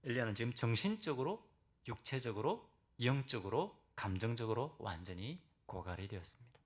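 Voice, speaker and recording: In a church sanctuary, a middle-aged senior pastor preaches a sermon in a sing-song, fairly quick voice. He is dramatic, putting direct questions to his congregation and acting out the pleas of Bible figures in sudden loud, high bursts.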